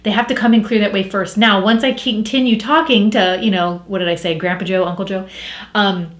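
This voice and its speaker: A woman speaking as a spiritual coach in a casual teaching talk, chatty and animated, acting out inner voices as she explains. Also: medium pitch, fairly quick, echoey room.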